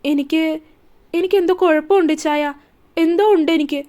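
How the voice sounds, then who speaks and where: A tearful young wife from a storybook romance, voiced by a woman reading the story. She stammers and repeats herself between sobs. The voice is high and light. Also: fairly even intonation, mellow, close to an everyday voice. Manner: halting, stammering, sobbing.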